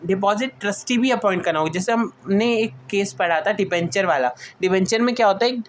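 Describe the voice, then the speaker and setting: Speaking briskly in a mid-range voice, an Indian-accented woman teacher works through her notes point by point in an informal lecture. She restates each one, weaving in English terms, over slight background noise.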